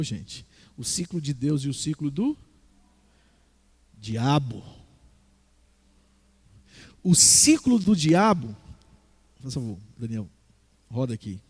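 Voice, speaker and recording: A man preaching a sermon as a pastor in a church, animated, acting out the voices in his teaching. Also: medium pitch, husky.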